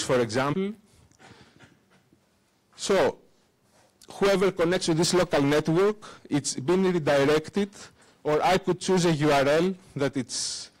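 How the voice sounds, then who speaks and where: A man whose voice sits on the high side delivers a tech conference talk with a live demo in a lecture room, using a handheld microphone. The speech is halting and full of fillers and restarts, and his phrasing is non-native.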